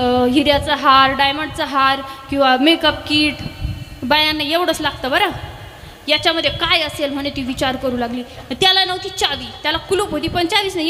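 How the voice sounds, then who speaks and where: A woman's voice: high-pitched, pushed and bright, big-room sound. A woman kirtan preacher telling a humorous devotional story, with teasing asides to the audience. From Maharashtra, India.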